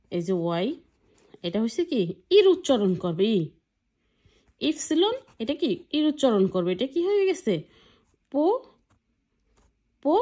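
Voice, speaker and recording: A woman's voice: medium pitch, darkish tone. A woman teaching a casual language lesson, patiently spelling out letters one at a time and often checking that her listeners follow.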